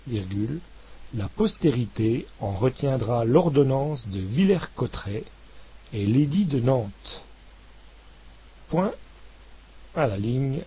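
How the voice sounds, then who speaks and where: A man reads a dictation at a very slow, deliberate pace, spelling out every comma and full stop in a dropped voice. His voice is airy and breathy, at a middle pitch. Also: dark tone, rough recording. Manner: measured, articulating each word, dropping lower on punctuation marks. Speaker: dictation reader. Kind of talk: slow dictation with spoken punctuation.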